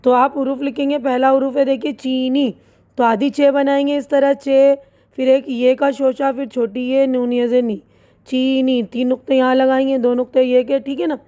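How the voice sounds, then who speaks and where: A woman with a bright, high voice leads a recorded lesson for small children. She spells each word slowly, sound by sound, and keeps checking in with her pupils. Her delivery is patient and steady. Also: muffled recording. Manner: patient, spells out letters slowly and asks "right?" often. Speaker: Urdu teacher. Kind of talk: online lesson for young children.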